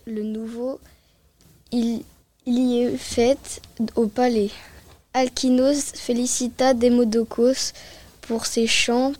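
A woman's voice: fairly high pitch, warm tone. A woman reading a story aloud, hesitant and restarting phrases often. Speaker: reader.

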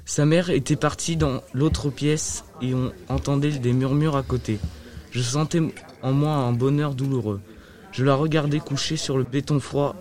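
A man reading a first-person novel aloud in a measured, reflective way. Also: medium pitch, steady tone, darkish tone. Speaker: audiobook narrator. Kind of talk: first-person audiobook narration.

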